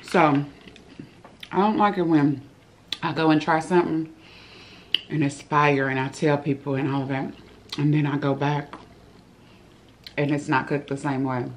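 Eating at home in the living room, this thirtysomething vlogger chats casually with "y'all," her viewers. She speaks low and unhurried, with fairly even intonation and long pauses, over a noisy background.

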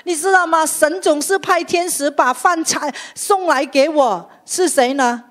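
A woman's voice: sits high, a little slow. A woman pastor, preaching a sermon and telling a personal testimony that builds to fervent exhortation.

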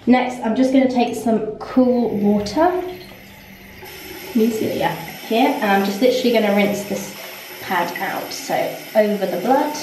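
A woman's voice: fairly high pitch, moderate pace, warm tone. Young woman vlogging on holiday, chatty and candid, echoey room, faint hum behind. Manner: chatty and candid, with small restarts. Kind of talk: casual vlog. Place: holiday rental flat, bathroom and sitting room. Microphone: handheld camera at arm's length. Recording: echoey small rooms.

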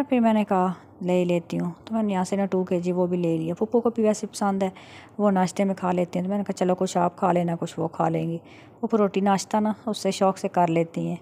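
A woman's voice: mid-range voice, dark tone. Chatty middle-aged Pakistani woman vlogger. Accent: Punjabi Pakistani Urdu. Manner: chatty, matter-of-fact, recounting haggling. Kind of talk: casual voice-over narration.

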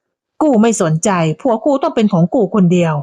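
Woman playing a jealous shrill old wife. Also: big pitch swings, dark tone, no echo. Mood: furious, cursing. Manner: cursing, accusing, drawn-out delivery.

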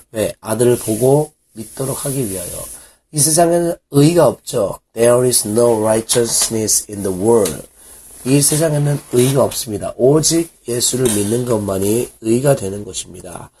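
A man, a pastor, giving a Bible English reading lesson, reading verses slowly and asking and answering his own questions. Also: medium pitch, dark tone, slight background noise. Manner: asks questions and answers them himself.

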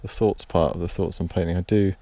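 Deep gravelly british guy rambling on a hillside vlog, kinda tired. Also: fairly even intonation, a little fast, warm tone, dry recording. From Britain. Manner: rambling, self-deprecating, tired. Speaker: painting vlogger. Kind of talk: casual vlog narration. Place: outdoors on a mountain.

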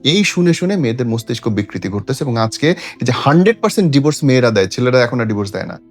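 Over background music, a Bangladeshi-accented host delivers preachy, emphatic relationship advice laced with rhetorical questions. His medium-pitched voice is very animated and he talks quickly.

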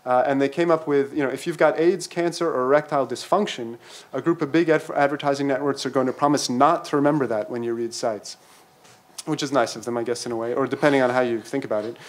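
A middle-aged man speaking at a conference panel, halting and full of fillers and restarts, into a table microphone in a lecture hall. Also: mid-range voice, fairly even intonation. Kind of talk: academic conference talk. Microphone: table mic on stand.

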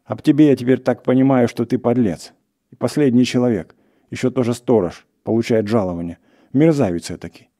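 A man voicing a bold, quick-tempered hunter who shouts and scolds, in a raised, louder voice than his own. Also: mid-range voice, lively intonation, pitched above the performer's own voice. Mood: scornful. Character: bold, hot-tempered male hunter, gruff.

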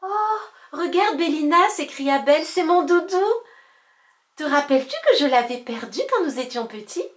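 A woman voicing a timid, excitable little boy in a children's story. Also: high-pitched, unhurried, roomy sound, voice pushed up. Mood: excited. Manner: eager, nervous, exclaiming.

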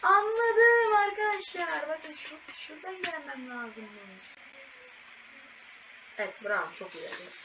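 A woman commentating a video game as she plays, excitable and exclaiming at every fail and win. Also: a little high, a little slow, long pauses. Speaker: gaming channel host. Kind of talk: live gameplay commentary. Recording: distant, muffled mic with loud background noise.

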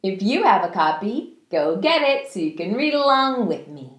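Expressive woman's storytime voice. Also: medium pitch, normal speed, slightly rough, no echo, faint music behind. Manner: expressive storytime voice addressed to young children. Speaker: children's read-aloud host. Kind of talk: storytime read-aloud.

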